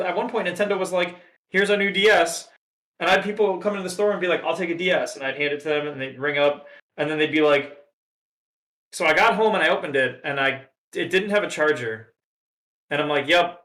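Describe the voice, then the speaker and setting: A man co-hosting a casual video game podcast, telling animated stories and acting out customers. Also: high voice, fast, echoey room. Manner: animated storyteller, acts out customers. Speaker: podcast co-host.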